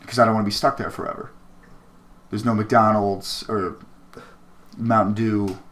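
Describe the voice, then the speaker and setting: A man's voice: on the low side, level tone, moderate pace, fairly bright tone. A man co-hosting a podcast, chatting in a rambling, joking, crude way. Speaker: podcast co-host. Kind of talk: casual chat.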